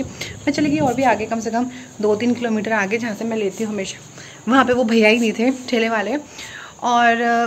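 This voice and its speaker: High-voiced chatty woman vlogger. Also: slight background noise. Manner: chatty, talks quickly. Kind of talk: casual chat.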